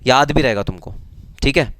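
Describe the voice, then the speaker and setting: A man's voice: medium pitch, expressive, moderate pace, fairly bright tone, dry recording. A man with an Indian accent teaching a live online tax class, teasing students and answering their comments in a conversational way. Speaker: GST teacher.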